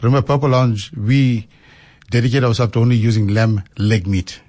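A man's voice: mid-range voice, steady tone, normal speed, warm tone. Guy, restaurant owner chatting on radio, explains stuff plainly. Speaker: restaurant co-owner, interview guest. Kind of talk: informal radio interview.

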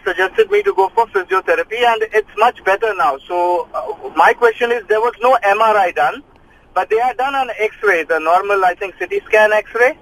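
A man's voice: sits high, very animated, moderate pace, gravelly, a bit bright, a little hiss or hum. A man in his thirties calls in over a clipped phone line and asks a hesitant question, with many fillers and restarts. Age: 30s. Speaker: caller. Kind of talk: call-in question to a doctor.

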